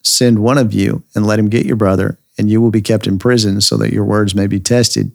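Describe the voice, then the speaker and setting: Stern ruler figure voiced by a male reader, low gravelly tone, dry close sound. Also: steady tone, a little fast, darkish tone, no echo. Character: stern Egyptian governor Joseph, grown man.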